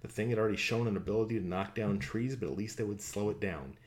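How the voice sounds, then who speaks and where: A man narrating a fantasy audiobook in a steady, even storytelling manner. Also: on the low side, fast talker.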